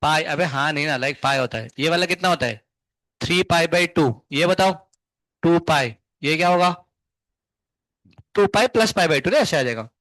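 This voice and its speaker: A male physics teacher giving a live class lecture, firing quick questions at his students and explaining step by step. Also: on the high side, expressive, fairly bright tone, dry recording. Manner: chatty, scolding then explaining, asks students many quick questions; hums tunes to show wave shapes.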